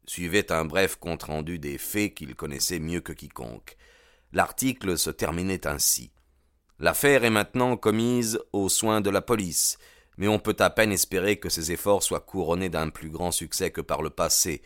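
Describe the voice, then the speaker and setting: A male audiobook narrator with a very low voice. He tells the story in a measured, grave manner, recorded close and dry with no room sound. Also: a bit bright, no room sound. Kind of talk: scripted narration.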